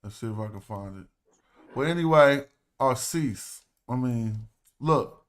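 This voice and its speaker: A man's voice: mid-range voice, expressive, measured pace, smooth. Slangy man explaining hieroglyphs on stream. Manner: loose and conversational, thinks aloud, slangy. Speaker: host. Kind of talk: casual livestream walkthrough of hieroglyph texts.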